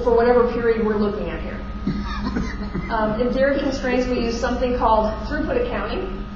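A middle-aged woman giving a conference keynote lecture on stage, explaining terms plainly and quizzing the audience with questions. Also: a little high. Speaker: keynote speaker. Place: large dark conference hall stage. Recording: echoey hall recorded from far off, dull and noisy.

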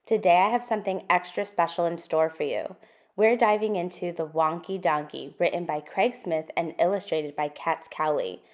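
A woman with a fairly low voice hosts an interactive children's storytime. She reads a picture book aloud with expressive, sing-song, deliberate phrasing.

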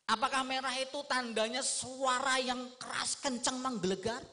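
A middle-aged man giving a lively, humorous religious lecture, asking his listeners rhetorical questions. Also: extremely high pitch, normal speed. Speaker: Islamic preacher.

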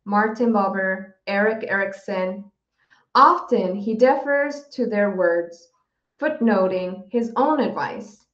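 Slow, steady woman teacher reading aloud. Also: medium pitch. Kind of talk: reading a novel aloud for students. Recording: dull, roomy recording.

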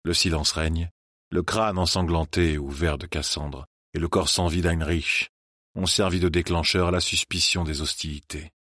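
A man reading an audiobook in scripted narration, calm and measured. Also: sits low, no echo, studio quality.

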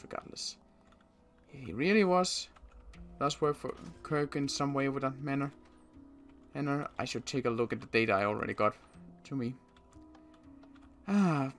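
Improvising a game roleplay, a man plays a suspicious, agitated apocalypse survivor who mutters and ponders to himself, stammering and repeating words. His mid-range, fairly bright voice is expressive and moves at a normal speed with frequent pauses, over soft background music.

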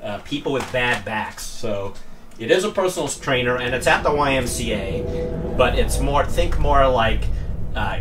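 A middle-aged man live-streaming a game from home, chatting casually and self-deprecatingly with his viewers. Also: mid-range voice. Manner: rambling, self-deprecating, joking with chat. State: winded from climbing stairs. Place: home room. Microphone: headphones with desk mic, off-mic at times. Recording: voice sometimes distant from mic, faint room noise.

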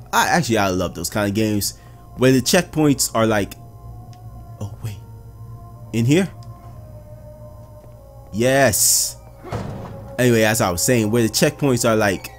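A man hosting a let's play, commenting with jumpy, excitable, chatty reactions. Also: on the low side. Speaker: gaming video host.

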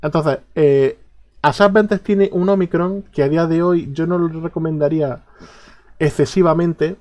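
Spanish man, slightly high voice, laid-back game tutorial host, lots of filler pauses. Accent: Spain Spanish. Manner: relaxed, hesitant, frequent filler sounds. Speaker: mobile game guide creator. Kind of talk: casual explanatory game guide.

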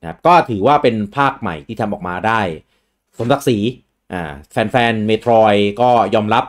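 ผู้ชายเสียงทุ้ม คุยเกมแบบสบายๆ. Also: male voice, fairly low pitch, moderate pace, slight background noise. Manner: relaxed, rambling with fillers and restarts. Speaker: host. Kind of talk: casual gaming chat.

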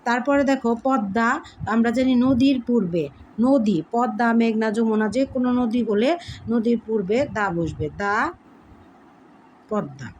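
A woman's voice: a little high, moderate pace, darkish tone, slight background noise. A woman teacher giving a grammar lesson to young pupils, asking questions and answering them herself, repeating key words.

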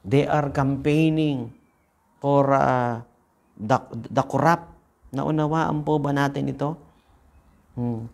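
A man's voice: medium pitch, fairly even intonation, slow, creaky, long pauses. A man with a Filipino accent preaching a sermon, repeating phrases and asking the congregation rhetorical questions. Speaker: pastor.

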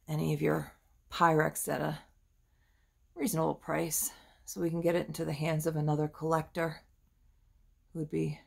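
A low, gravelly-voiced woman gives an easygoing walkthrough of a cluttered antique shop, shooting it on her phone. She gushes over what she sees, and she sounds quieter or louder depending on where she's panning.

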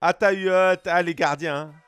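A man's voice: high-pitched, fairly even intonation, normal speed, a bit bright, smooth, no echo. A Belgian man with a Belgian French accent, streaming live as he opens packs, greeting chat viewers and swearing casually.

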